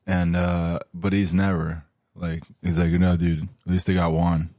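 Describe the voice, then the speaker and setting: Low-voiced, laid-back swearing man. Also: little pitch movement, measured pace, warm tone, no echo, clean studio sound. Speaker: podcast co-host. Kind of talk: casual chat.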